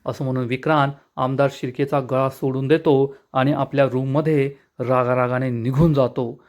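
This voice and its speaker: A man's voice: mid-range voice, flat delivery, moderate pace, darkish tone. A man recapping a television serial episode as a dramatic, emphatic story retelling.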